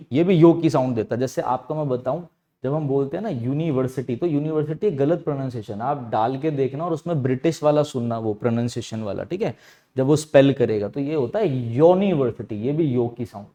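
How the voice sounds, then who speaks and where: Mellow-voiced man teaching a grammar lesson. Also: mid-range voice. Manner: explains step by step, repeats key words, asks and answers his own questions. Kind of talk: exam-prep grammar lesson.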